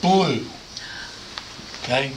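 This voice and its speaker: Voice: medium pitch, extremely slow. A ventriloquist telling a story live to young children, with simple questions and lots of repetition. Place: library children's story hour. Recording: noisy room, distant microphone.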